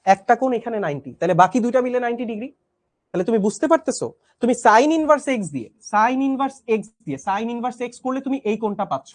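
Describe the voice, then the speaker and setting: A young man teaching a live online math class, speaking softly with a strained voice, patiently repeating each step and often checking whether students follow. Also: very high voice.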